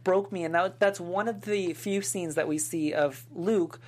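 Low-voiced woman podcast co-host. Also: a little slow, a little mellow. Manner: chatty, leads the discussion with questions. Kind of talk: casual chat.

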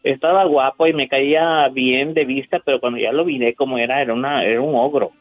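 A man's voice: mid-range voice, fairly quick, phone-quality sound, soft background music. Chatty male caller on a radio show. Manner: chatty, animated storytelling. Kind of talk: telling a story on the phone to a radio show.

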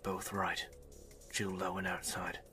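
A man voicing a terse male squad leader under fire, giving clipped, quick commands. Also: deep voice, little pitch movement, bright, forceful tone. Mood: hushed. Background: music.

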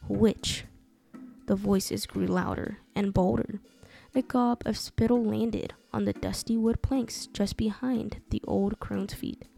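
A woman reading a dark folk tale aloud in a measured, dramatic storytelling style. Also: medium pitch, fairly even intonation, vocal fry. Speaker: narrator. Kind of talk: scripted storytelling narration. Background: soft music.

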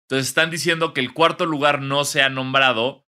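A man's voice: mid-range voice, fairly even intonation, bright, forceful tone, a little hiss or hum. A young man with a Mexican accent co-hosting a casual sports podcast, riffing playfully and recording remotely from home. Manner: playful, riffing, quick to laugh. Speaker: podcast co-host.

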